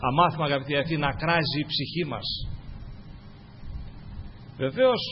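A man preaching a sermon to his congregation, climbing to loud, fervent peaks and then dropping low and quiet. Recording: dull lo-fi recording with faint hiss.

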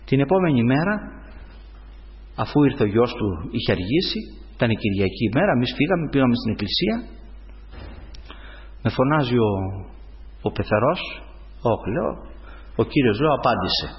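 A man preaching a sermon, telling a personal story and often calling his listeners brothers. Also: long pauses. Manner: animated storytelling, swings up in pitch. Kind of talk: sermon testimony. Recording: dull sound in a hall with long reverb.

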